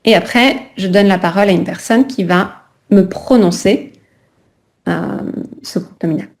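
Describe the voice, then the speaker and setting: A woman teaching a French class over a video call, pausing often to check that students follow. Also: medium pitch, vocal fry, darkish tone. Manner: keeps checking in with "d'accord?".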